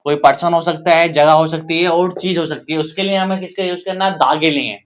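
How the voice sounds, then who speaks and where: Speaking briskly in a slightly high, steady voice, a man with an Indian English accent teaches a classroom grammar lesson, his voice a bit raised. He drills example sentences repeatedly and keeps putting rhetorical questions to his students.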